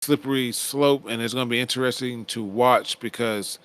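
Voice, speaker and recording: A male podcast co-host talking in a loose, rambling way, often restarting his sentences and dropping casual swears. His voice sits at a middle pitch. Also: fairly even intonation, moderate pace, a bit bright, clear, resonant tone.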